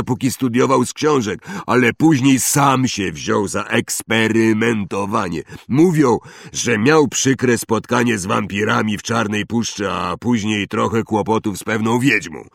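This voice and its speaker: A man voicing a huge, jovial half-giant gamekeeper with a loud, hearty voice. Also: medium pitch, a little slow, gravelly, few pauses, no echo, clean studio sound, voice pushed up.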